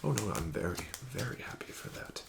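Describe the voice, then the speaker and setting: In this ASMR roleplay, a man playing a casino dealer speaks slowly and formally in a low, gravelly voice, sometimes slipping into soft whispered asides. His pitch climbs and dips with a lively, teasing lilt. A constant hiss of background noise runs beneath the recording.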